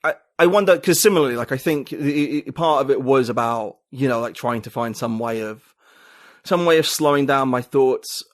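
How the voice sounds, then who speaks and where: A man with a mid-range voice speaks at a normal pace as a podcast guest in casual conversation. He thinks aloud, rambling and reflective, with lots of fillers and restarts.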